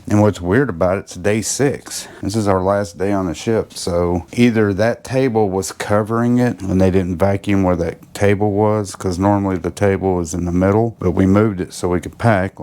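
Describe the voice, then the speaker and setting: Low-voiced man casually vlogging a cruise. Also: a little mellow. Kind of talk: casual chat to camera.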